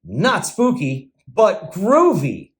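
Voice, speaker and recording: A man's voice: high voice, wildly swooping pitch, drawn-out words, heavily acted. A man voicing an upbeat, boyish young cartoon cat in a storybook.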